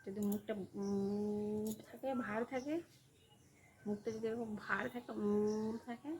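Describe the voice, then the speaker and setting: A woman's voice: mid-range voice, fairly even intonation, takes it slowly, a little mellow, a little hiss or hum. A young woman vlogging in a casual, coaxing way, often asking her viewers tag questions.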